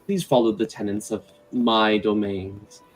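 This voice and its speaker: A serene, motherly goddess of the harvest for a tabletop fantasy game, acted out by a man. The delivery is measured and formal, gracious yet quietly stern, at an unhurried pace over faint music. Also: lowish voice, fairly even intonation. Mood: gracious, warning.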